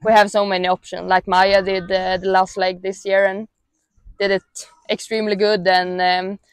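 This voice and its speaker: A young woman with a Swedish accent answers interview questions in a relaxed, halting way, leaning on fillers as she talks. She is outdoors in a mountain meadow, and her lapel mic gives a dry, close sound with no reverb. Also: mid-range voice, smooth. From Sweden. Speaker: athlete interviewee.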